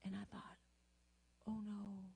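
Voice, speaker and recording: A middle-aged woman pastor preaching a sermon, swinging between loud, shouted exhortation and quiet, hushed storytelling. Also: mid-range voice, completely flat delivery, slow, vocal fry, husky.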